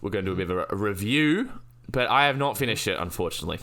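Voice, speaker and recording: A young man, co-hosting a podcast in an animated, chatty way with casual swearing. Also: fairly low pitch, very fast. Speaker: podcast co-host. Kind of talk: casual chat.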